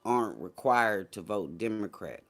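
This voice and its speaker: The man hosting this livestream has a fairly low, expressive voice and talks at a normal speed. His political commentary to the chat is conversational, slangy and profane, with phrases repeated for emphasis.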